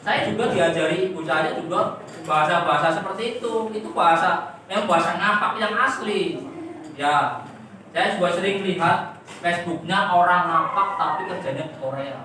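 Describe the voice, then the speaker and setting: A woman's voice: on the low side, normal speed, bright, forceful tone, a little hiss or hum. A woman teacher giving a classroom lesson, quizzing and coaxing her pupils with repeated questions. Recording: echoey classroom from far off.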